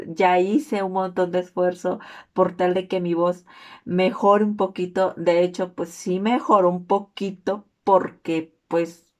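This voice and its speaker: A young woman with a Mexican accent and a naturally hoarse voice, giving an earnest, informal class presentation. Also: a little mellow. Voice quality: hoarse, low-toned voice.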